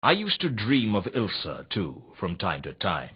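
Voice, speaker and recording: Heavily acted and at a measured pace, a hardboiled private investigator narrates his noir case for a video game, world-weary and wisecracking. His delivery is deadpan, dry and brooding, the mood wistful, his slightly husky voice swinging dramatically in pitch under the wit. The sound is slightly dull and lo-fi.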